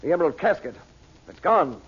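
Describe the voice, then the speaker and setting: A man's voice: on the high side, big pitch swings, a little fast. An actor playing a shrewd, unruffled magician investigator in a radio adventure serial, talking casually and self-assuredly and muttering as he thinks. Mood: alarmed. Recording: muffled, noisy old radio serial recording.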